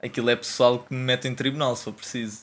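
A man's voice: mid-range voice, little pitch movement, quick pace. A young man with a European Portuguese accent hosting a casual podcast chat in slangy, profane language. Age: young adult. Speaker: podcast host.

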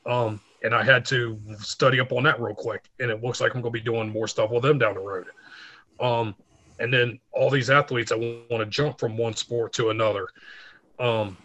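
Male guest, middle-aged, bright edge to the tone, storyteller who acts out quotes. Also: mid-range voice, dull audio. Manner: animated anecdote teller, acts out quotes. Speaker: guest, fitness writer. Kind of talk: casual interview storytelling.

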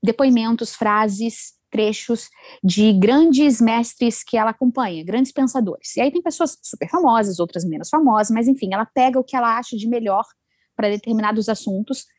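Lively woman talking close-up. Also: fairly high pitch, normal speed, no room sound. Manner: animated, acts out inner voices. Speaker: guest sharing self-help advice. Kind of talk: casual chat.

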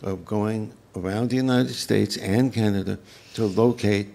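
An older man telling unscripted recollections as an interview guest, in a halting, reflective way. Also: lowish voice, fairly even intonation, gravelly, warm tone. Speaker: interview guest, former folk festival organizer. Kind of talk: unscripted reminiscence.

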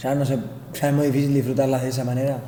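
A man's voice: medium pitch, flat delivery, racing, mellow. A man in his thirties with an Argentine accent, chatting casually as host, rambling and teasing. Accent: Argentine Spanish. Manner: rambling, teasing, turns emphatic when lecturing. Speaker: streamer host. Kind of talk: casual chat. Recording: echoey roomy space with faint noise.

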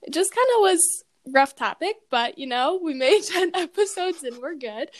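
A young woman co-hosting a podcast in casual chat, relaxed and reflective, her voice going hoarse. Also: high-pitched, normal speed. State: losing her voice. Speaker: podcast co-host. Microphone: recording remotely.

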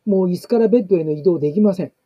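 A man reading a family blog story aloud, in a slow, measured way with pauses. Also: sits high, dry recording, highs cut off. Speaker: narrator.

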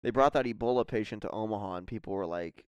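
A man's voice: on the low side, fast, clean tone, no echo, lo-fi sound. A young man in casual chat among friends, laid-back, swearing freely and calling everyone dude and man.

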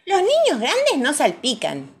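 A woman's voice: high voice, huge pitch swings, unhurried, voice pushed up, full character voice. Peppa, a bossy little pig girl, as an Argentine woman puts her on. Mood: proud.

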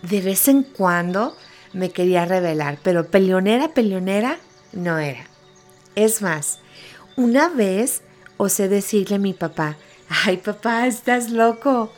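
Lady telling her own stories on a podcast, slow and thoughtful, a bit funny, faint music behind. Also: medium pitch, expressive. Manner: reflective, gently humorous. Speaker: podcast host. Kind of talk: personal storytelling monologue. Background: faint background music.

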